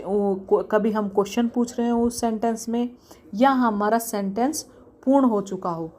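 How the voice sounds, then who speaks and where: A woman's voice: medium pitch, a little mellow. Woman teaching grammar, repeating herself. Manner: repeats examples slowly, asks herself questions. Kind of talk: casual Hindi grammar lesson.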